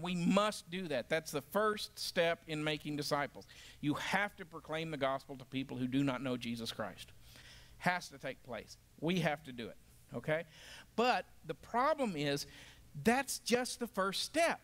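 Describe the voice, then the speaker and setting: A man's voice: high-pitched, a bit bright. A man teaching a Bible lesson to a class, emphatic and asking the group questions.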